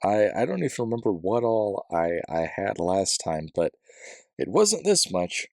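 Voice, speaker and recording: A deep-voiced man talks through his gameplay in a loose, rambling way, full of ums and restarts and quick jokes at his own expense. His voice is low with a gravelly, fried edge. The sound is dry and close, with no room around it. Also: sing-song, darkish tone, no echo. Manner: rambling, self-deprecating, many fillers and restarts. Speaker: let's play host. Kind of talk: casual gameplay commentary.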